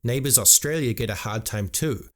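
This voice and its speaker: A man's voice: mid-range voice, moderate pace. New Zealand man narrating a video essay. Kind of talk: scripted narration.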